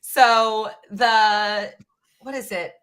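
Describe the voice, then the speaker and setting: A woman's voice: mid-range voice, fairly even intonation, extremely slow, fairly bright tone. A young woman co-hosting a podcast, chatty and matter-of-fact in casual conversation. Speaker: podcast co-host. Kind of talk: casual chat.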